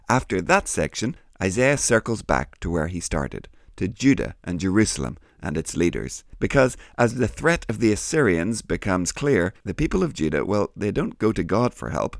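A man's voice: on the low side, very animated, normal speed, gravelly, no echo, clean studio sound. A man hosting a scripted educational Bible show, explaining things in an encouraging way. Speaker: host.

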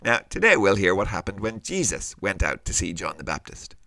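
A man's voice: deep voice, very animated, fairly quick, gravelly, bright, forceful tone, no room sound, clean studio sound. A man presenting a children's podcast like a kids show host, speaking directly to young listeners in a scripted but conversational way.

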